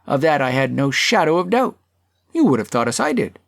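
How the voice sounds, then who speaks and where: A man reads as a self-righteous townsman who makes his case before a public hall. The speech is earnest and persuasive, and the voice swings widely in pitch with a gravelly edge. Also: sing-song, fairly quick, studio quality. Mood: pleading.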